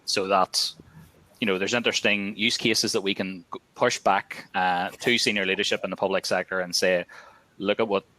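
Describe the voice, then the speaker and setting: A man explaining the aims of a fund in a measured way. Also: deep voice, fairly even intonation, sharp tone, no echo. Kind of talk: panel talk.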